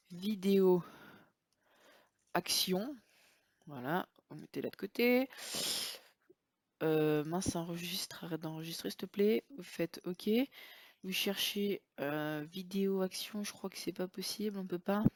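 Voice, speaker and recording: Woman doing a pc tutorial, lowish voice, lots of uh and restarts, dry sound. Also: dry recording. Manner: chatty, hesitant, fillers and self-corrections. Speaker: screen-recording tutorial maker. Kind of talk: casual software tutorial walkthrough.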